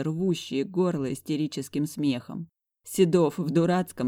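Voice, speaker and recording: A reader narrating a novel in the first person, with lively delivery of the dialogue. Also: mid-range voice, no echo, clean studio sound. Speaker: audiobook narrator. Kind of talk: scripted narration of a romance novel.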